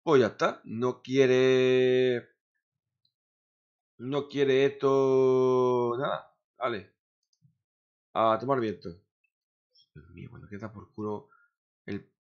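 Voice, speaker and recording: Grumbling streamer, lo-fi sound. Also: male voice, mid-range voice. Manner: grumbling, swears often, talks to himself. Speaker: gaming streamer. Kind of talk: casual streaming chatter. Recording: dull lo-fi sound.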